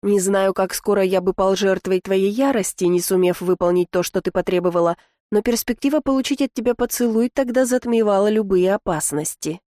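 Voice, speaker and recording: A woman's voice: mid-range voice, fairly quick, hardly any pauses, dark tone, dry recording, studio quality, lightly acted. A woman voicing a sly young male count in an audiobook, admitting with mock guilt. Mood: sheepish.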